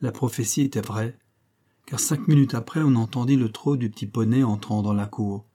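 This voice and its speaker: Casting : homme, lecteur de livre audio, timbre sombre et doux, débit mesuré. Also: male voice, medium pitch, normal speed, mellow. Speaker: audiobook reader. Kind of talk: scripted narration of a classic novel.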